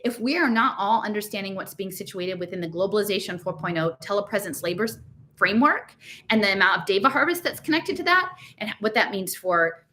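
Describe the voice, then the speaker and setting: With a fairly high, sharp voice, an American woman reads her own blog on her podcast and comments on it for online listeners. The monologue is informal and impassioned, emphatic and exasperated, wandering through one rhetorical question after another.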